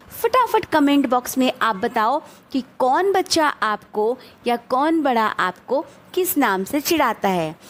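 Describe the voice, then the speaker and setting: High-voiced woman teaching a children's poem. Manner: explains word meanings and asks viewers to answer in comments. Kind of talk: children's Hindi lesson explaining a poem.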